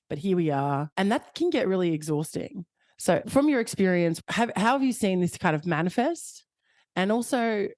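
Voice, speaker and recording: Woman podcast host, earnest and chatty, lowish voice, dry close recording. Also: a little mellow, dry recording. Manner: earnest and conversational, with hesitant fillers. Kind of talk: podcast interview.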